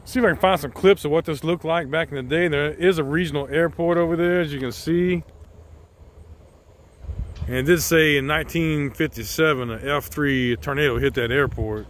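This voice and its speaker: A man's voice: a little high, moderate pace, a little hiss or hum. A middle-aged man giving casual, unscripted vlog commentary in a hesitant, rambling way. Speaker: vlog host.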